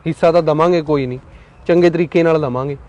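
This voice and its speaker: An irritable young student, played by a man, snaps at his girlfriend. His voice runs high and fast. He sounds argumentative throughout. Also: fairly even intonation, darkish tone, natural voice. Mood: irritated. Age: young adult.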